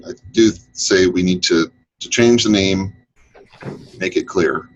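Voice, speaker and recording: A man's voice: low voice, measured pace, lo-fi sound, a little hiss or hum. A man speaking in a casual online meeting, hesitant, with many restarts and fillers. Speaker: group member. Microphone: video call.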